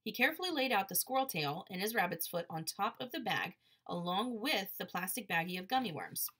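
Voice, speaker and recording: Casting: woman audiobook reader, bright and crisp, lively. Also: mid-range voice, fairly quick. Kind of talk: audiobook narration.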